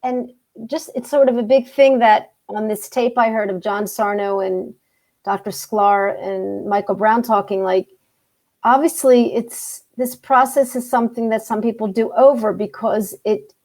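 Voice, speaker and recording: A woman's voice: a little high, steady tone, measured pace, darkish tone. A woman hosting a casual group discussion over a video call, talking with enthusiasm, repeating herself and joking. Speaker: host.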